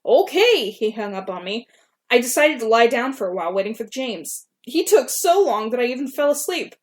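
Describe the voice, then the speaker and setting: A woman's voice: a little high, expressive, fairly quick. A young woman reading her own old story aloud in an embarrassed, giggly way, acting out dialogue and adding casual self-mocking asides. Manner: voices dialogue animatedly.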